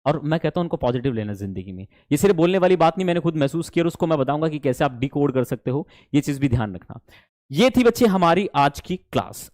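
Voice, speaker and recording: A young adult man with an Indian accent, teaching an online spoken English class in an animated way and mixing English phrases into Hindi. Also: a little high, no room sound, studio quality.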